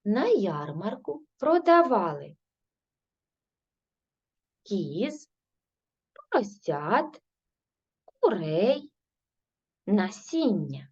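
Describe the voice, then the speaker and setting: Slow patient Ukrainian schoolteacher woman. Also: mid-range voice, very animated, darkish tone, slightly rough. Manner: slow, patient questioning and answering herself. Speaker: primary school teacher. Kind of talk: recorded grade-three language lesson. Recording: dull lo-fi recording.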